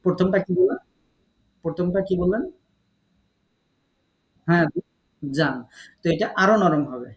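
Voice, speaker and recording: A man's voice: high voice, animated, measured pace, long pauses. A man teaching Quran recitation in an online class, calling on students and patiently repeating syllables for them.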